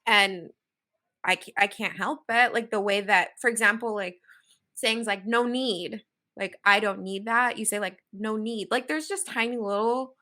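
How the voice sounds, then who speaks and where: A woman's voice: medium pitch, moderate pace, pushed and bright. A woman from Hawaii with a Valley Girl accent, co-hosting a podcast discussion in an earnest, reflective way, often checking in with "right?". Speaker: podcast co-host. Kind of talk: casual discussion.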